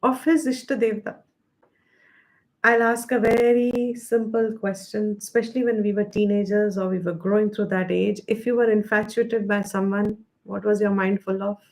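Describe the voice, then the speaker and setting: A woman with an Indian accent teaching a scripture study class, explaining patiently, slowing down to stress key terms and mixing Hindi phrases into her English. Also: mid-range voice, flat delivery, a little mellow. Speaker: Vedanta teacher.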